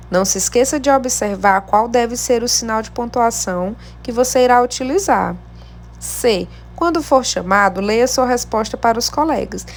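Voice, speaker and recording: A woman teacher, giving a remote lesson to young pupils in a slow, clear, encouraging way. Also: fairly high pitch, a little hiss or hum. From Brazil. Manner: slow, clear, encouraging teacher delivery addressing children at home. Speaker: primary school teacher. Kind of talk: remote class lesson reading a textbook.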